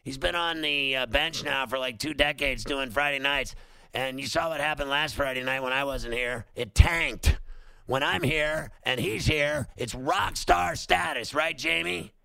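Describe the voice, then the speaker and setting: A man's voice: a little high, expressive, a little slow, gravelly, pushed and bright, clean tone, no room sound. A man hosting a sports call-in show, talking casually in a brash, boastful, teasing way. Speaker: sports radio call-in host. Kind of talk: casual fantasy football sports talk.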